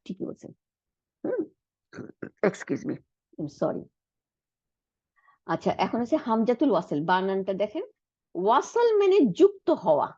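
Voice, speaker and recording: A woman's voice: mid-range voice, darkish tone, no room sound. A woman teaching Arabic reading for the Quran step by step, often checking in with her listeners. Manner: explains step by step, often asks "isn't it?"; frequent hums and restarts. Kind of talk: online Quran Arabic lesson. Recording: dry, dull lo-fi sound.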